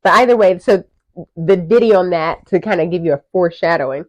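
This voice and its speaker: A woman in her thirties, co-hosting a podcast and telling a personal story in a candid, animated way. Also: lowish voice, a little fast. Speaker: podcast co-host. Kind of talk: casual chat. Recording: muffled lo-fi audio.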